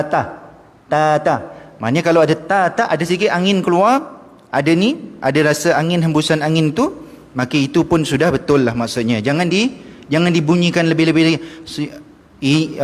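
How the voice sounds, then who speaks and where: Man teaching in a mosque hall. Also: on the high side. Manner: slowly chants verses to demonstrate, then explains; addresses the audience directly and often. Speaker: religious teacher. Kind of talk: mosque lecture on Quranic pronunciation. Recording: long mosque hall reverb.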